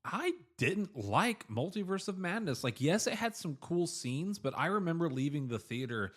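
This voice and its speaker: A man chatting casually about films, animated, with his pitch swooping as he makes his points. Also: normal speed, breathy edge. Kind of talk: casual film chat.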